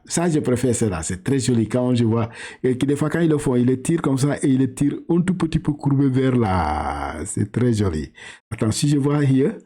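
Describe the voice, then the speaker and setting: A middle-aged man whose first language is not French, teaching Quran reading in a chatty, informal way, laughing often and drawing out syllables in slow drills. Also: mid-range voice, mellow.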